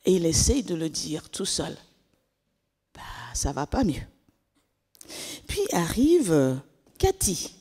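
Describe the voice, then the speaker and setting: Slow, lively storyteller, woman, children's sermon, warm tone, church reverb. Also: fairly low pitch. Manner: animated storytelling, voicing each child. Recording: echoey church hall.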